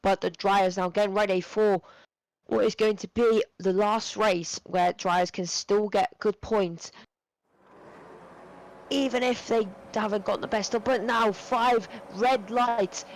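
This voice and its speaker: Hoarse excitable sim racing commentator. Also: male voice, high voice, measured pace, low-quality recording. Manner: excitable, rambling with many fillers. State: losing his voice, voice cracking. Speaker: race commentator.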